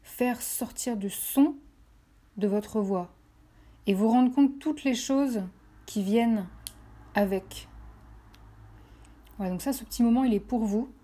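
A French woman whose warm voice sits on the high side hosts a motivational podcast, moving slowly and leaving long pauses. She encourages her listeners directly, repeating phrases to drive points home.

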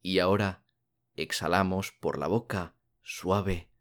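Deep-voiced man narrating a sleep meditation. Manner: calm, slow phrasing with long pauses. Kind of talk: soothing guided sleep meditation, like a sleep story narrator.

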